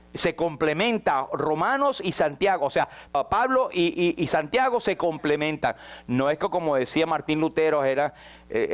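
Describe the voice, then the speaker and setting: A man preaching a sermon as pastor, rising high and dropping to a hush, questioning his congregation directly. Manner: dramatic swings between raised and hushed passages.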